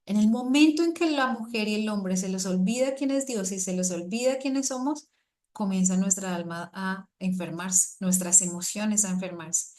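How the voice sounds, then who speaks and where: Lively woman preaching. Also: medium pitch. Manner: lively, rising to animated emphasis when acting out quotes. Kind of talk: sermon to a women's group.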